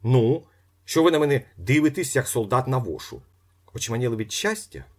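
A man's voice: very animated, normal speed, breathy edge, exaggerated voice. A man voicing a sly, self-assured young con man who talks smugly and needles others. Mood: needling. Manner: smug, needling, sometimes hissing low.

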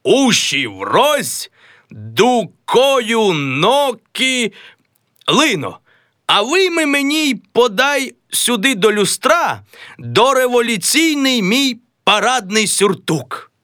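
A vain, self-important middle-aged fellow from a stage comedy, as a man reads him aloud, grandly trying out one greeting voice after another. He speaks slowly, his pitch leaping high and low in a bright, forceful tone over a dry, close sound. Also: big pitch swings, dry recording, exaggerated voice. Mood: pompous. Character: pompous middle-aged man rehearsing a grand new name.

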